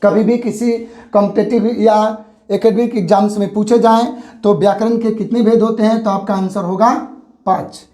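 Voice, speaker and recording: A male teacher giving a grammar lesson at a board, explaining slowly and repeating each point with a check-in. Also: high-pitched, fairly even intonation, mellow. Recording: echoey room.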